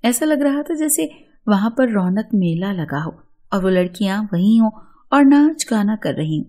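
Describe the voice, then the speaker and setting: A woman with an Urdu accent reading a first-person story in a steady, earnest storytelling manner. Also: medium pitch.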